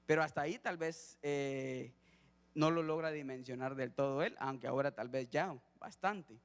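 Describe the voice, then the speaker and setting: A man's voice: mid-range voice, normal speed, smooth. A man preaching as a deacon, telling a personal story in a conversational way and acting out dialogue. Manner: conversational, acts out dialogue with his son. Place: church hall. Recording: long church hall reverb.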